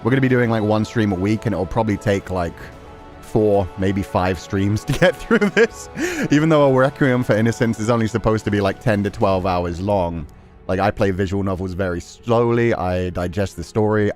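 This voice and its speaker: A game streamer with a lowish, somewhat mellow voice talks a little fast, his intonation lively. With music in the background, he rambles along to his audience, casual and full of enthusiasm.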